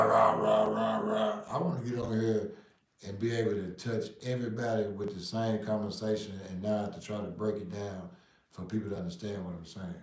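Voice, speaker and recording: This Nashville, Tennessee man hosts a podcast, chatting through a relaxed monologue in his Southern accent and leaning on "man" and "you know what I mean." His voice runs fairly low, heard from a distance in a very echoey room.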